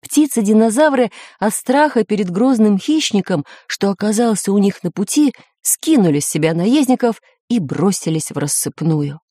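A woman narrating a children's storybook in an expressive, animated way. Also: medium pitch, normal speed, few pauses, no echo, clean studio sound. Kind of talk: storybook reading.

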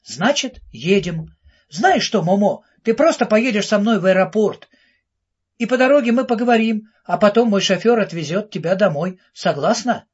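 A man voicing an excitable, famous male storyteller who gushes and rattles off questions, in an audiobook. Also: high voice, husky, muffled recording, voice pushed up. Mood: hurried. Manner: breathless, gushing, rapid-fire questions.

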